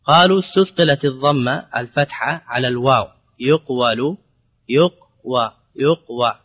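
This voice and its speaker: A man's voice: medium pitch, normal speed, a bit bright. A man teaching a grammar lesson, explaining step by step, repeating example words and asking rhetorical questions. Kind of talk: classical Arabic grammar lesson.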